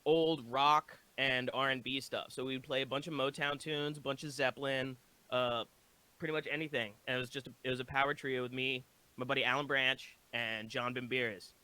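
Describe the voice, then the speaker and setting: A young man, a band's drummer, chatting casually and telling animated stories with plenty of swearing. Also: mid-range voice, fairly quick, smooth. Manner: animated storyteller, swears freely. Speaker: band member, drummer. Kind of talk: casual chat.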